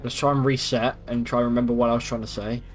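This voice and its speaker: Young guy streaming games, rambly sweary casual chat, average pitch, bit of music in the back. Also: level tone, fast. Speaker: game streamer. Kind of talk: casual livestream gaming chat. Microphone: streaming microphone at a PC. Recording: music behind the voice.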